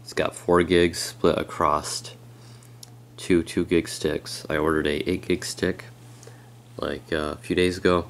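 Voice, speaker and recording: A man who is a bit sick, giving a casual, halting walkthrough of his laptop as a tech vlogger. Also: sits low, little pitch movement, slight background noise. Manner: halting and unhurried, with frequent pauses. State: sick, with a slightly strained voice. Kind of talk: casual hands-on product walkthrough.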